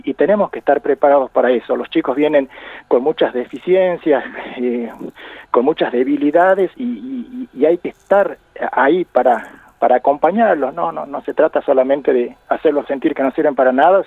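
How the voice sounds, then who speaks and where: Argentine professor on a phone line. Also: male voice, fairly high pitch, dry recording. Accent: Argentine Spanish. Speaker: university professor and genealogist. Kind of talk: radio interview guest.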